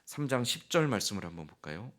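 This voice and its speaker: A male pastor preaching a dramatic sermon in a church, swinging between loud passages and near-whispers. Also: lowish voice, sing-song, quick pace. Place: church sanctuary.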